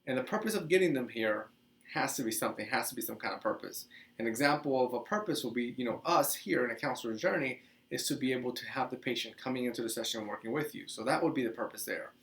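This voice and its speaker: A Dominican man in his thirties hosts a casual teaching video, talking to camera in a small office with a couch. He speaks fast at a medium pitch, animated and chatty, gesturing often and restarting his sentences.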